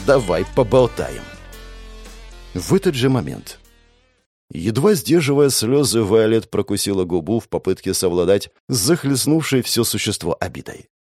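A man's voice: lowish voice, a little mellow. A man narrating an audiobook in the first person, with sardonic, crude asides.

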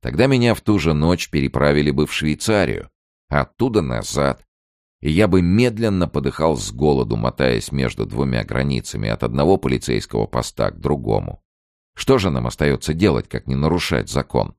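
A male reader voicing a bitter young man, a refugee and medic, who drawls his words in a slow hiss. His voice is very deep and gravelly, recorded dry and close in this storybook reading. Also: animated, a little mellow, no echo, heavily acted. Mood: weary. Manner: hissing, deliberate.

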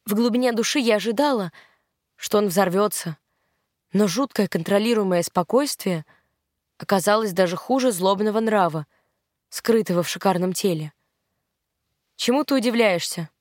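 A woman narrating a first-person novel in a calm, wry manner. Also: mid-range voice, normal speed, dry recording, clean studio sound. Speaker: audiobook narrator.

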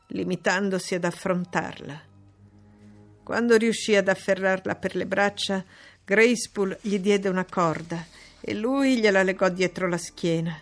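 An Italian woman reading a classic novel aloud in a measured, steady narration. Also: mid-range voice. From Italy. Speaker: audiobook reader. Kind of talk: literary audiobook narration.

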